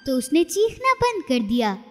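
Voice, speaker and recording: A woman narrating a storybook cartoon in an expressive, storytelling way. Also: high-pitched, a little slow. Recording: reverberant, with music underneath.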